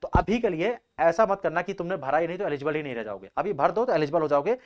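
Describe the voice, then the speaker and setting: A young man coaching students for an entrance exam, talking very fast in a casual, explanatory way. His voice sits fairly high for a man, and he keeps repeating points and calling his listeners bhaiya. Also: expressive.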